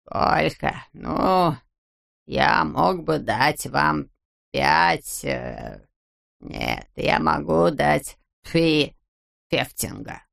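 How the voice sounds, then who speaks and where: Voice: mid-range voice, slow, vocal fry, sharp tone, full character voice. An audiobook reader voicing a stingy, grumbling rich man who lisps, saying F instead of R. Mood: grudging haggling. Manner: grumbling, haggling. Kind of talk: audiobook character voice.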